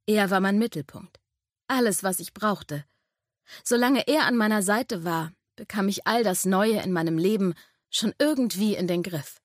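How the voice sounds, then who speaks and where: A woman reading a first-person audiobook in a calm, intimate storytelling manner. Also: mid-range voice, no room sound, studio quality. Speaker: audiobook narrator.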